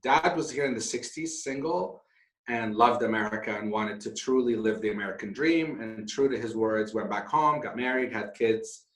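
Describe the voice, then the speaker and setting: A man's voice: fairly low pitch, normal speed, a bit bright. A middle-aged man from Syria, speaking as an interview guest in a candid, self-deprecating, passionate way. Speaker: guest, hotel founder. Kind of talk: conversational interview. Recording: echoey room.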